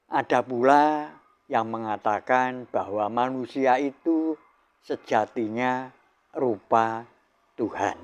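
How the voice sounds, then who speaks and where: An older man giving a spiritual sermon in a measured, solemn way, pausing between short phrases. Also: mid-range voice, a little mellow. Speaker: spiritual teacher.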